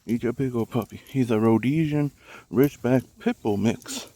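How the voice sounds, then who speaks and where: A man's voice: medium pitch, warm tone, dry recording. A man with audible heavy breathing, rambling casually to viewers as he films a vlog outdoors on his phone. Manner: unhurried, murmured remarks while walking around. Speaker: vlogger. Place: outdoors in a yard with cicadas. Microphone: handheld phone. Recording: outdoor phone recording, faint ambient noise. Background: faint outdoor ambience, cicadas.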